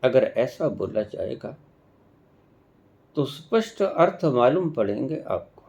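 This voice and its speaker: A man giving a devotional discourse as a spiritual teacher, speaking in a measured way with long pauses and emphatic stresses. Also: medium pitch, sing-song, gravelly, darkish tone, dull audio.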